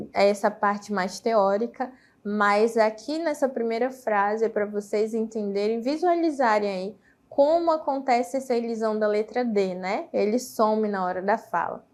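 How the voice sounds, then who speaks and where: A woman with a Brazilian Portuguese accent teaching an English pronunciation lesson, explaining patiently and reading example sentences slowly and clearly. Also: on the high side. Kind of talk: recorded classroom lesson.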